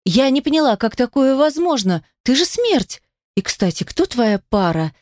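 Old storybook granny, nosy and joking, high lively tone, voiced by a woman. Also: normal speed, no room sound, clean studio sound. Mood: teasing. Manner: lively, teasing questions. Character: curious joking old granny, meddling and warm.

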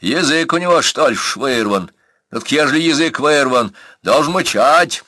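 A man's voice: medium pitch, animated, normal speed, no echo, studio quality, voice pushed up. A man reading an audiobook, voicing a cruel estate master who barks orders. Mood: scornful. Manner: barking, shouted commands.

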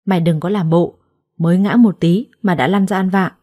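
A woman's voice: lowish voice, fairly even intonation, normal speed, mellow, dry recording, clean studio sound, lightly acted. A woman voicing a harsh, spiteful older adoptive mother who scolds with scorn in a storybook reading. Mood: cruel.

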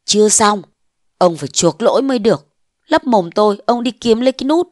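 A woman voicing a bold, scheming young wife of a mandarin, defiant and sharp-tongued, in a storybook reading. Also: medium pitch, expressive, brisk, no room sound, clean studio sound, natural voice. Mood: scornful.

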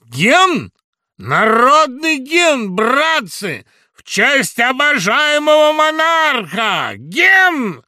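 A man voicing a brutish, nasal male thug and police informer in an audiobook, barking out bullying shouts. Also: on the low side, huge pitch swings, measured pace, vocal fry, few pauses, slightly rough, no echo, clean studio sound, exaggerated voice. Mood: bellowing. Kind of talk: audiobook reading.

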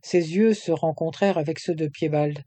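A man reading a French adventure novel aloud as an audiobook narrator, in a measured way, lightly shifting his tone for the characters' lines. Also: fairly high pitch, fairly even intonation, mellow, dry recording.

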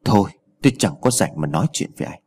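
An arrogant old village chief snarls threats and insults, voiced by a man reading a storybook. The voice is husky and low, and it lurches up and down with wide swings. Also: expressive, quick pace, a little mellow, heavily acted. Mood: furious.

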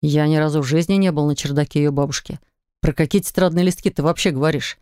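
A woman voicing a quick-tempered young husband, curt and exasperated, in a lower voice in an audiobook. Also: fairly even intonation, darkish tone, dry recording, studio quality, natural voice. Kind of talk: audiobook character reading.

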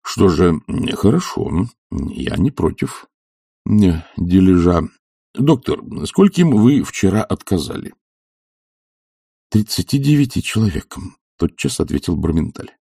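A man doing a haughty older professor, husky, booming, wide swings in pitch, dry close sound. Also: very animated, unhurried, dark tone, no echo, exaggerated voice. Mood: ironic. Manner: lofty, ironic, thundering when angry. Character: imperious older male professor, quick to fury. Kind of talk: audiobook character voice.

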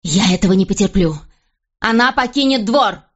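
A woman reading an audiobook, voicing a furious jealous young queen who shouts in a raised, higher voice. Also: normal speed, lo-fi sound, lightly acted. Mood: raging.

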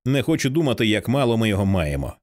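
A man voicing a stern commanding man who takes charge, speaking in calm, clipped orders. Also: on the low side, quick pace. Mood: grim commanding.

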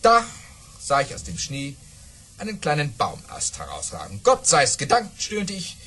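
Theatrical, boastful Baron Münchhausen, wildly swooping pitch. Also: male voice, huge pitch swings, normal speed, gravelly, sharp tone, husky, heavily acted. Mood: savouring, boastful. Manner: theatrical, savouring storytelling with dramatic swings. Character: boastful, jovial aristocratic baron telling tall tales. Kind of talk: German radio play acting.

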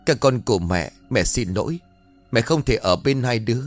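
A man's voice: mid-range voice, lively intonation, moderate pace, soft background music, voice pushed up, lightly acted. A man voicing the grieving, vengeful ghost of a young mother, bitter and anguished. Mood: tearful. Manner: bitter, anguished, then tearful.

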